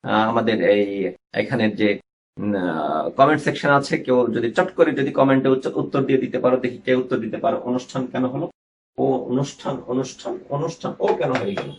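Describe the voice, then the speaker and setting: A male teacher giving a recorded class lesson, sounding out words slowly and repeating them for his students. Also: medium pitch, slight background noise, poor audio.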